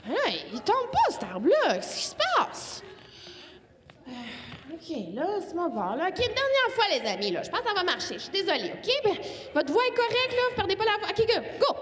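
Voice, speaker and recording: A woman with a Quebec French accent telling a story live, playfully coaxing the audience to shout along. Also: extremely high pitch, moderate pace, a little hiss or hum. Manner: lively, playful, coaxes the crowd to shout along. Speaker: storyteller voicing a signed tale. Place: hall at a live storytelling event. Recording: long hall reverb from a live event.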